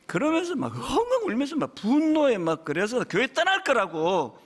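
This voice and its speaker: A man's voice: very high voice, huge pitch swings, normal speed, husky. A middle-aged man, a pastor, preaching a sermon in a church and telling a story with emotional rises and sudden drops. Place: church sanctuary. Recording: reverberant church hall.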